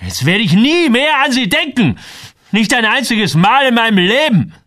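A stubborn, bitter middle-aged father, as a narrator voices him, with a blunt, curt way of talking. His pitch swings widely, and the sound is dry and close. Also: very animated, takes it slowly, no room sound, exaggerated voice. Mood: furious.

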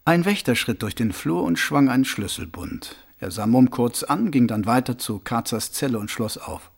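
A male narrator reading an audiobook with a gravelly, husky voice. His delivery is expressive and the pitch moves lively. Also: moderate pace. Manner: expressive storytelling.

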